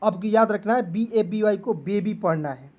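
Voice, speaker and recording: A woman's voice: medium pitch, dark tone, highs cut off. Female tutor, patient beginner phonics lesson, repeats and checks in often. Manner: spells words letter by letter, then stretches them out slowly; repetitive, checks in with "clear?" and "okay". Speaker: English teacher.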